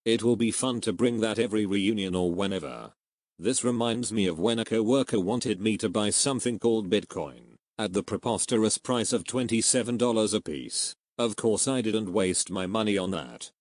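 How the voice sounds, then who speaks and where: A man narrating online posts in a steady, even scripted reading with no fillers. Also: on the low side, moderate pace, no room sound.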